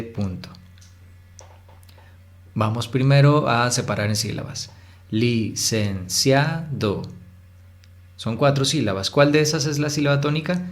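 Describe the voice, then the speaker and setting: A man tutor teaching a recorded lesson, stretching out words to show stressed syllables, with frequent fillers. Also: medium pitch.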